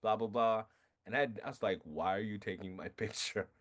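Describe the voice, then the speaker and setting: A man being interviewed about his film, telling animated stories, acting out quotes and laughing often. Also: fairly low pitch, brisk. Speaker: filmmaker guest. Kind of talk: casual interview storytelling.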